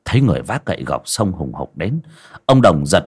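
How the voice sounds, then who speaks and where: A man narrating a dramatic audio story in an expressive reading style. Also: low voice, a little fast, husky.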